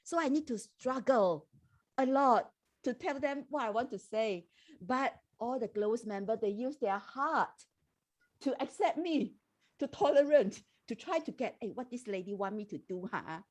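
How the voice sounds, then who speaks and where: A woman with a fairly high voice talks haltingly, her English clearly not her first language. She hesitates, fills pauses, and laughs often as she explains directing a radio play. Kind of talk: casual panel talk. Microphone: own mic at her seat.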